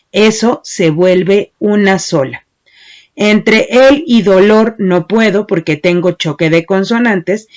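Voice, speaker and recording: A woman's voice: medium pitch, darkish tone. A woman teacher giving a methodical lesson, patiently explaining step by step and counting syllables aloud one by one. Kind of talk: slow, methodical class lecture.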